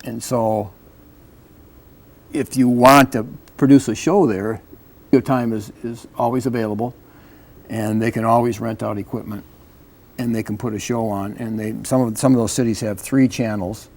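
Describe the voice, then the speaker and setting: Halting American man in panel talk. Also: medium pitch, steady tone, a little mellow. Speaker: public access show panelist and advocate.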